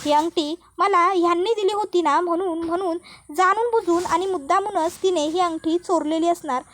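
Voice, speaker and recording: A woman's voice: extremely high pitch, normal speed, fairly bright tone. A woman voicing an angry, wronged village wife who accuses and confronts in rustic speech. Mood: accusing.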